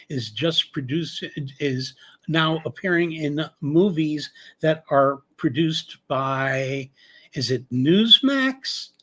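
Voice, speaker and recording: A man hosting a radio interview, talking in a halting way with frequent pauses and restarts. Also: fairly high pitch, bright, forceful tone. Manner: halting, with many fillers and restarts. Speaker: radio show host.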